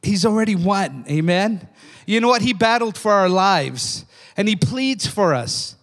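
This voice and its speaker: An older man preaches a sermon in a church, his high voice lively and fervent as he keeps calling "amen?" out to his listeners. He speaks a little slowly with a fairly bright tone. The long reverb of the church hall surrounds him.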